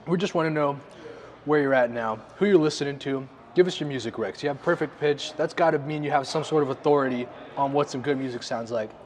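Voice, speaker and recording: A man's voice: medium pitch, quick pace, slight background noise. A young adult man hosting a casual interview in a restaurant, upbeat with lots of filler words. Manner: upbeat, filler-heavy, says like a lot. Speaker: host. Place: restaurant, indoors.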